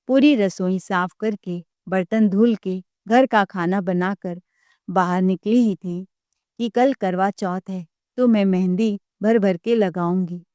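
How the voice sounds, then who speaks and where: A woman narrating a scripted family story in a measured, unhurried way. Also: mid-range voice, dark tone, dry recording.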